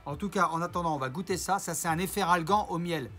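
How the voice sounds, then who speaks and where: High bright-voiced man ranting. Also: quick pace, faint music behind. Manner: mocking, rambling, theatrical asides. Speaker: YouTuber. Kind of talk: casual vlog rant.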